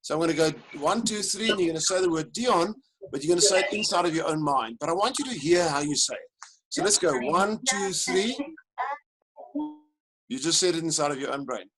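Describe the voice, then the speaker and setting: Lively man coaching online. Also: a little high, a little fast, over a noisy crowd, poor audio. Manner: animated, addresses audience directly, counts them in. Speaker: life coach and webinar presenter. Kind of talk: live online coaching lesson. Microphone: video call.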